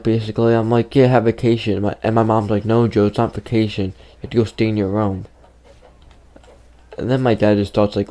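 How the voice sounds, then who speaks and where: This gaming YouTuber, a fifteen-year-old boy, has a low, dark-toned voice. He rambles through a story over gameplay, packing it with fillers as his voice gives out.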